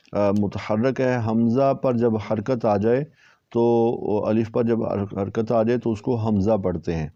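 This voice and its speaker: A man's voice: fairly low pitch, dark tone, dry recording, highs cut off. A man teaching Quran recitation in Urdu with a Pakistani accent, patiently spelling out and repeating each syllable several times. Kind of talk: slow spelled-out tajweed lesson.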